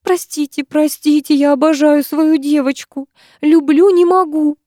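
A woman's voice: fairly even intonation, measured pace, mellow, no room sound, studio quality. A woman voicing a self-pitying, grasping poor widowed mother who whines and wheedles. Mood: sobbing. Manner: whining, self-pitying, shrill.

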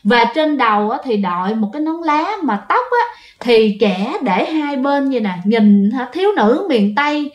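A woman's voice: fairly high pitch, expressive, moderate pace, reverberant. A woman telling a ghost story casually, chatting directly to her listeners with lots of fillers.

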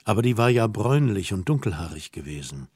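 A man reading a novel aloud in the first person, in a measured, reflective manner. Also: lowish voice, very animated, a little mellow, slightly rough, no echo, clean studio sound. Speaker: audiobook narrator. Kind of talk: literary audiobook narration.

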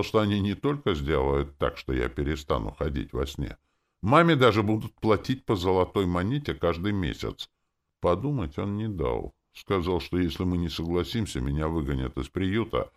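A man's voice: sits low, sing-song, normal speed, pitched above the performer's own voice. A man reading an audiobook, voicing an emotional teenage girl who pleads and accuses sharply. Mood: anxious. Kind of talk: audiobook character voice.

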